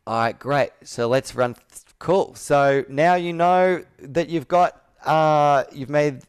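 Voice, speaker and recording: A man in his thirties with a slightly high, clean-toned voice takes his time as he coaches sales by video call. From an indoor room with a whiteboard, he runs live roleplay, speaking persuasively and emphatically with phrases he keeps repeating.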